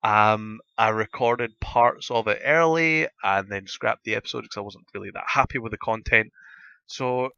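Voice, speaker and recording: Scottish guy doing gaming commentary, gruff sore throat voice but bright, rambly, dry slightly dull mic. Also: lowish voice, moderate pace. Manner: rambling, thinking aloud. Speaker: gaming video host. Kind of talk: casual Minecraft let's-play commentary.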